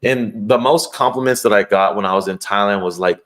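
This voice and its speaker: A man's voice: fairly low pitch, brisk, a bit bright. Earnest young man telling a story. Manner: earnest, rambling with restarts, heartfelt. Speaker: podcast guest, fighter. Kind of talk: casual storytelling interview.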